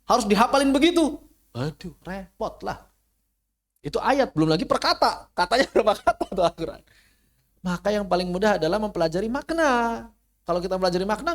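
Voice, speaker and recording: A man teaching an online Quran lesson in a casual way, asking rhetorical questions and rising high to stress his points. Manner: animated, rises high when stressing a point; casual, uses local slang. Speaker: Islamic studies teacher. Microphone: close mic, online class.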